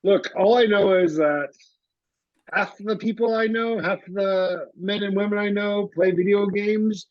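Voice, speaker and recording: A man's voice: high-pitched, steady tone, unhurried, no room sound, dull audio. A man co-hosting a podcast, arguing casually, incredulous, swearing and laughing often. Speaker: podcast co-host. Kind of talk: casual argumentative chat.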